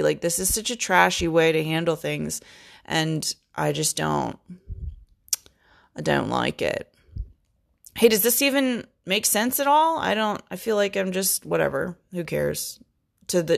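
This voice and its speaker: A young woman talks straight into her podcast mic in a loose, rambling vent, blunt and full of profanity. Her voice sits on the lower side with a gravelly, fry-edged texture. It is casual monologue, not performance. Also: fairly bright tone. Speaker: podcast host.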